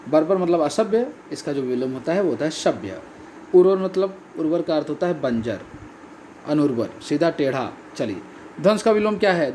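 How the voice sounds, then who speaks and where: A man's voice: fairly high pitch, warm tone, a little hiss or hum. A man explaining the answers to a language test, repeating each key word and calling his listeners friends. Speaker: Hindi exam tutor.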